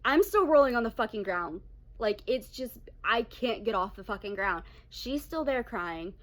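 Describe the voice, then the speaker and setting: A young adult woman telling a story-time vlog, blunt and animated with heavy swearing. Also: fairly high pitch, normal speed. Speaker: vlogger.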